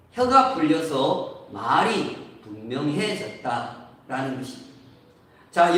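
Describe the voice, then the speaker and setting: Male pastor, sermon delivery, slow and animated, echoey church hall, distant mic. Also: fairly high pitch. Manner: explains slowly, sings briefly. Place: church sanctuary.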